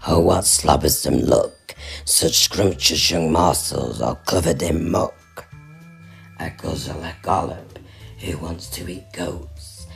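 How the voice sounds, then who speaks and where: A woman voicing a greedy, gleeful male troll in a deep growl for a read-aloud picture book. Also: slow pace, gravelly, heavily acted. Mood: greedy relish. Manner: gloating, relishing every word. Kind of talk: storybook reading. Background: soft music.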